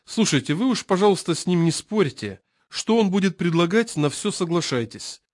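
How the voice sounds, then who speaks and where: A man's voice: high voice, animated, moderate pace, no room sound, studio quality, pitched above the performer's own voice. A man voicing a nervous, fawning male marshal who talks anxiously. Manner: anxious, ingratiating.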